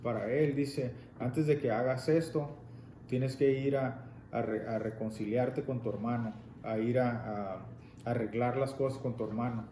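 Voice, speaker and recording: A man's voice: mid-range voice, fairly even intonation, a little slow, dark tone. A man leading a Spanish Bible class, explaining scripture and prompting a reader to continue. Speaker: Bible teacher. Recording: echoey room with faint noise.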